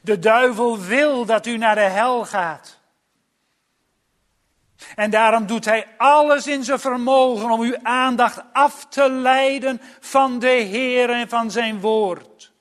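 A man preaches a sermon with grave, emphatic warnings. His voice is high for a man and he speaks slowly, drawing out the words and leaning on them for stress. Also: fairly bright tone.

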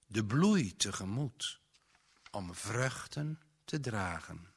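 A man reading a rural drama aloud in a solemn, expressive way. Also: mid-range voice, breathy edge. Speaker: narrator.

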